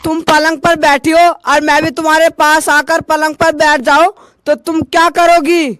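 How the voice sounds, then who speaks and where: A man's voice: very high voice, level tone, normal speed, fairly bright tone. A man voicing a sly, teasing older woman who plays a mother-in-law in a comic sketch. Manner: teasing, goading.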